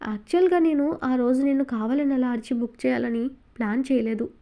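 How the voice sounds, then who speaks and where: A woman's voice: sits high, fairly quick, dark tone. A woman reading a naive timid young woman. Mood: sheepish. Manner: innocent, pleading.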